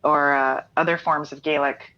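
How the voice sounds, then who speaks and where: Speaking from home over a remote online call, a middle-aged American singer-songwriter and writer chats as an interview guest. Her low voice holds a fairly even intonation at normal speed, easygoing and explanatory, and the audio has a dull lo-fi quality.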